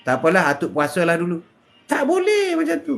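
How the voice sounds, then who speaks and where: An older man with a Malaysian Malay accent gives a live religious talk. His voice sits high and leaps around a lot, climbing to loud exhortations and then sinking to quiet murmurs. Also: huge pitch swings, fairly quick, creaky. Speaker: religious speaker.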